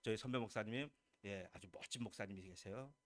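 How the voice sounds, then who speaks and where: A pastor preaches a Sunday sermon in a church sanctuary, his fairly low, slightly bright voice moving fast in a dry recording. He fires emphatic questions at the congregation and acts out lines as God's words.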